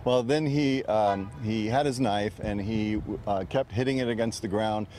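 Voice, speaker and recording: An American man giving a halting, plain-spoken eyewitness account in a live street interview outdoors. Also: on the low side, mellow, soft background music. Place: outdoors in a parking lot. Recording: outdoor ambience, faint street noise.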